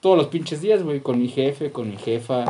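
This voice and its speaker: A man's voice: mid-range voice, expressive, fairly quick, warm tone, slight background noise. A young man with a Mexican accent, chatting casually on a podcast with friends, rambling and full of slang and fillers. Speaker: podcast co-host. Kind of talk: casual chat.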